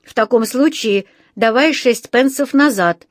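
A woman's voice: high-pitched, expressive, moderate pace, dry recording, studio quality, pitched above the performer's own voice. A woman doing a cross demanding man. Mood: angry. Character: angry grown man in a queue. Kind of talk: storybook reading.

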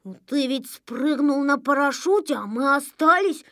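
Brief: a woman playing a chubby storybook boy with pointed accusations, lively high voice. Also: unhurried, no echo, clean studio sound, full character voice. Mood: accusing. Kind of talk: storybook reading.

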